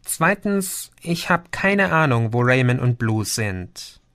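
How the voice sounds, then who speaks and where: A man voicing a cheerful, talkative male green insect alien with a lively, playful way of talking. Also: medium pitch, takes it slowly, full character voice. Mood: chatty.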